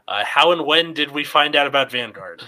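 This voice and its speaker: A man's voice: fairly high pitch, lively intonation, fairly quick, bright, forceful tone, poor audio. A man in his twenties hosting a casual podcast chat, rambling and swearing freely. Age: 20s. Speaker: podcast host.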